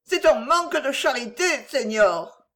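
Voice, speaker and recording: A woman's voice: high-pitched, big pitch swings, measured pace, a bit bright, voice pushed up, full character voice. Woman doing a cheeky old beggar woman, raised voice. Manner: impudent, pleading.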